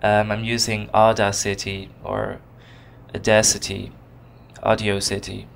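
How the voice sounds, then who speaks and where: This let's play features a Dutch man from the Netherlands casually talking over his own game, meandering and reaching for words. His voice is fairly low, gravelly and monotone, paced in a measured way. Recording is via a desk microphone on a computer, with game music and a little background noise.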